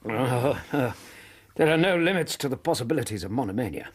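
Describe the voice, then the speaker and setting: An actor playing a courteous, educated Victorian doctor in a radio drama, speaking in a measured, reassuring English manner. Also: male voice, medium pitch, animated, slightly rough. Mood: thoughtful. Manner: measured, kindly explaining.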